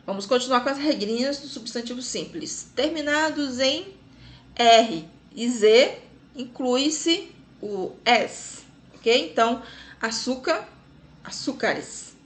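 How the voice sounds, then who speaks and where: Woman, Brazilian accent, grammar teacher, slow and patient delivery, slightly high voice, checks in with listeners. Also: animated, slight background noise. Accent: Brazilian Portuguese. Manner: patient, checks in with "ok?" and "tranquilo?" after each point. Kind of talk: explaining grammar rules to students.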